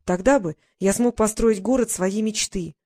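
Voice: mid-range voice, moderate pace, a little mellow, natural voice. Nick, an earnest dreamy boy, read by a narrator. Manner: earnest, explaining, eager.

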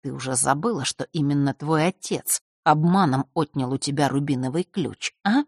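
A man's voice: a little high, normal speed, dry recording, lightly acted. Man reading as a sarcastic teenage boy, scornful, touchy, audiobook, dry sound. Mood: cold. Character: sardonic teenage boy, sharp-tongued and touchy.

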